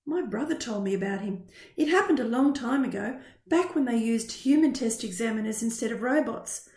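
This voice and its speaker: A woman voicing a good-natured, talkative schoolboy friend in an audiobook story, eager and quick. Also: on the high side, a little mellow, reverberant, recorded from a distance, lightly acted. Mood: gossipy.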